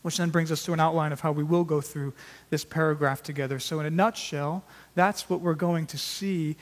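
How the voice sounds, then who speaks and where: A man's voice: fairly high pitch, steady tone, brisk, big-room sound. A man preaching an earnest sermon as pastor, with emphatic rises in volume on key words.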